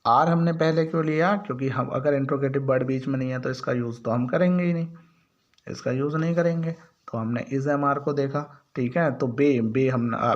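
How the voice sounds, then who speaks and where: A man teaching a grammar lesson, explaining step by step and asking and answering his own questions while he repeats example sentences slowly. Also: medium pitch, highs cut off. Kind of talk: Hindi grammar lesson for learners.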